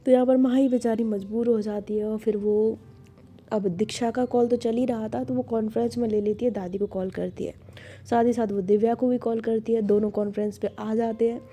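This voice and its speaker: A woman narrating a love story and acting out every character's lines herself, getting animated in the heated dialogue. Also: fairly quick. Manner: animated, rising loud and high in the quarrels.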